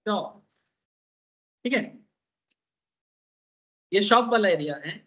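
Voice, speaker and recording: A man with a high, husky voice that sounds pushed and bright lectures slowly and expressively to a tax class. He draws on a board and playfully quizzes students with repeated questions, in a dull lo-fi recording.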